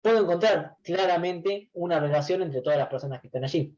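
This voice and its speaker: A man's voice: a little high, a little fast, a little mellow, highs cut off. A man teaching a university class over a video call. He explains patiently, restarting phrases and often saying "eh". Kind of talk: online class lecture.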